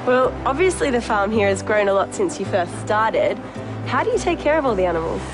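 A woman's voice: medium pitch, expressive, brisk. Bubbly woman TV presenter. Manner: bubbly and enthusiastic. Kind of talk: upbeat presenting and interviewing. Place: wildlife rescue farm. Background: background music.

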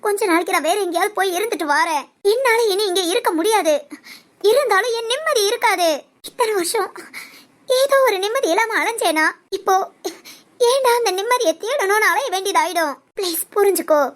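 A woman's voice: extremely high pitch, fast, hardly any pauses. A woman voicing Parimalam, proud hurt older woman. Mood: tearful pleading. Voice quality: sharp, defensive. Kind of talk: audio story role-play.

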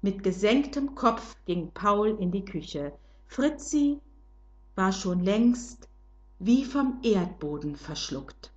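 An older woman slowly and gently narrating a children's storybook. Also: medium pitch, sing-song, lo-fi sound.

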